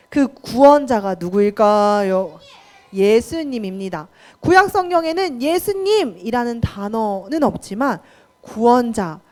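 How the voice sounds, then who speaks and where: A young woman leads a children's sermon in a bright, high voice. Her pitch leaps up and down as she asks the kids questions and runs quizzes. She speaks as the preacher in a church children's worship room.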